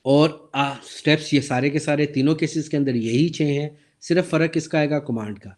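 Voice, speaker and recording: Man lecturer, sore throat, fairly high voice, walks through slides and quizzes the class. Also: darkish tone. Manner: explains step by step, asks the class questions, reads slide text aloud slowly. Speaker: database lecturer. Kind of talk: recorded lecture over slides.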